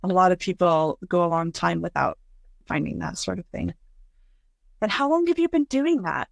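A woman's voice: on the low side, lively intonation, normal speed, gravelly, dry recording. A woman hosting a podcast interview, asking friendly, eager questions. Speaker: podcast host.

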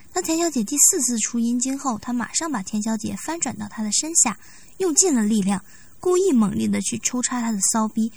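A woman narrating a story in a steady reading voice. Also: fairly high pitch, breathy edge. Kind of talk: read-aloud story narration.

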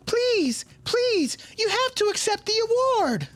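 Guy doing a squeaky falsetto little girl, earnest and pleading, table read. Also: big pitch swings, unhurried, fairly bright tone, heavily acted. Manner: pleading, wide-eyed. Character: sweet earnest little girl Cindy Lou.

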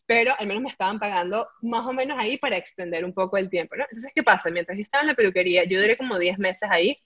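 A woman telling her story in casual chat, animated, laughing often and dropping English words into her Spanish. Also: medium pitch, very fast. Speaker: guest. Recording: dull lo-fi audio.

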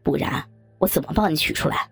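A woman voicing a group of crude, boastful young men in a low, gruff put-on voice. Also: fast talker, soft background music, exaggerated voice. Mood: leering.

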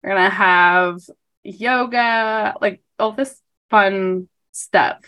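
A woman's voice: medium pitch, drawn-out words, bright, forceful tone, smooth. A woman, co-hosting a podcast in casual chat, congested from allergies and laughing often. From New York. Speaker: podcast co-host.

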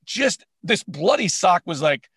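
A man co-hosting a casual sports chat, animated and laughing often, with lots of filler words. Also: sits high, a little slow, breathy edge, no echo, clean studio sound. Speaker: co-host.

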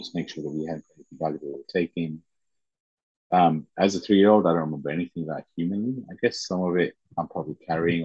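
A middle-aged man from Uganda, a podcast guest, telling his life story in a halting, reflective way with many pauses and restarts. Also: low voice, a little mellow, slightly rough, no echo, muffled recording.

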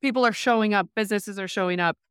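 A woman's voice: mid-range voice, fast, a bit bright, clean tone, no room sound, studio quality. A woman who is a podcast guest tells a candid story in conversation. She speaks animatedly, uses a lot of "like" fillers and acts out quotes. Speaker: podcast guest, rural entrepreneur.

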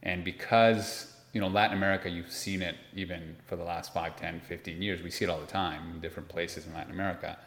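This forty-something investment manager from Lima, Peru, talks quickly with few pauses as an interview guest recounting personal stories conversationally. His voice sits low, with a steady and fairly bright tone. The recording sounds roomy and echoey.

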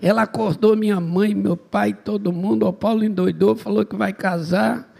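A man's voice: high-pitched, fairly even intonation, moderate pace, gravelly, mellow. A man, a missionary preacher telling a humorous testimony and acting out the dialogue.

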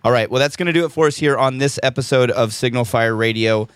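A man's voice: mid-range voice, fast talker, clear, resonant tone, no echo. A man in his thirties hosting a casual podcast in a jokey, upbeat way. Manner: jokey and upbeat, with "y'all" and "dude". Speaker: podcast host.

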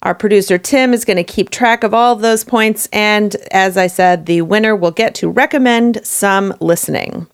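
A woman's voice: medium pitch, moderate pace, few pauses, clear, resonant tone. A woman from Texas hosting a podcast and running a playful quiz game in casual chat.

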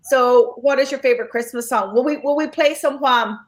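A woman's voice: sits high, fairly quick, poor audio. A woman hosting a podcast, talking casually and giving thanks with many fillers and restarts. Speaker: podcast host.

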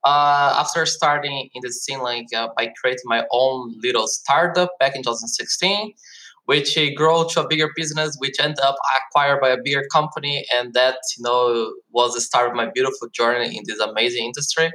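Upbeat, bright-voiced man from Brazil. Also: medium pitch, fairly even intonation, fairly quick, poor audio. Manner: upbeat, heavy use of "like" and "uh" fillers. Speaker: guest, esports marketing executive. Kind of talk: casual interview answers.

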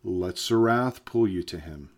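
An actor playing a weary man filming himself as the world ends, talking hesitantly and later guiding a hypnosis in a slow, soothing voice. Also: low-pitched, expressive. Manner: hesitant, with fillers and restarts. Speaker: vlogger. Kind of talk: found-footage vlog acting.

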